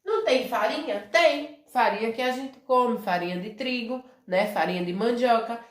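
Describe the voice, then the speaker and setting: A primary school teacher from Brazil, with a fairly high-pitched voice and reverberant sound, leads young children through a review. She speaks of herself as "tia," keeps adding tag questions such as "né?" and "certo?", and draws out syllables when modelling words in her Brazilian Portuguese accent.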